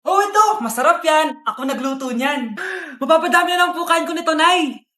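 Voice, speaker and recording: A woman acting out comedic skits and playing every character herself, often breaking into shouts. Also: high-pitched, expressive, fairly quick, reverberant.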